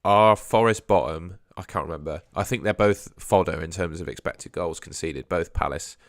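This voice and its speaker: A fantasy football livestream host chats casually with viewers, his low voice strained by a sore throat as he loses it. He hedges, lets phrases trail off quietly, and slips into vocal fry at a normal pace. The recording is studio quality with no room sound.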